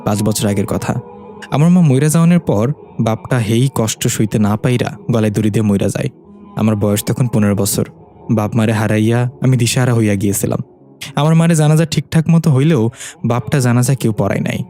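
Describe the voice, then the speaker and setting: A man's voice: medium pitch, a little fast, mellow, faint music behind, natural voice. A man voicing a timid young petty thief, humble and frightened as he tells his story. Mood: fearful retelling. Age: 20s.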